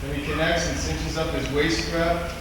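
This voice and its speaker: A man's voice: a little high, level tone, normal speed. A man working as a fire company instructor, talking through a hands-on demonstration step by step in a plain, explanatory manner. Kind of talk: spoken step-by-step training demonstration. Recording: echoey, reverberant, distant mic, noisy background.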